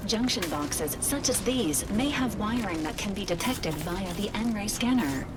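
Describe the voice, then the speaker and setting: A woman's voice: mid-range voice, lively intonation, unhurried, over loud music. A woman voicing a combat suit's AI, with a metallic robotic voice and clipped, formal status announcements in a video game. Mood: announcing.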